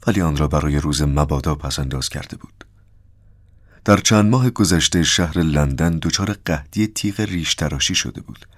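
A man reading a novel aloud as an audiobook narrator, in an even, measured way. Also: very deep voice, dry recording, clean studio sound.

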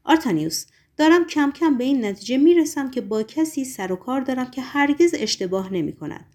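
A woman's voice: high voice, lively intonation, darkish tone. A woman reading the lines of a brooding, commanding Roman governor in an audiobook, with a weary questioning tone. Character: stern Roman governor, middle-aged man, brooding.

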